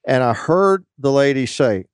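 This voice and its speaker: Casting: middle-aged male host, smooth clear voice, dry close mic, easygoing anecdotes. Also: medium pitch, expressive, unhurried, dry recording. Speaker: podcast host. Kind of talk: casual interview.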